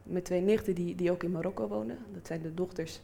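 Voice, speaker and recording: A woman's voice: fairly low pitch, quick pace, gravelly. A woman in her twenties telling a personal story and acting out the people in it. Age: 20s. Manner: lively, acts out quoted voices.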